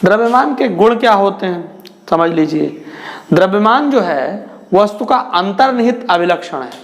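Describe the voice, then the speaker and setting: A man's voice: high-pitched, expressive, normal speed. A male physics teacher giving a classroom lecture in Hindi, asking questions and answering them himself, repeating phrases as he explains.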